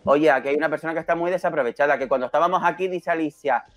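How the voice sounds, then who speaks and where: A man's voice: fairly high pitch, very fast, dry recording, clean studio sound, faint music behind. A man hosting a casual chat, playful and fond of mimicking voices. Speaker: host.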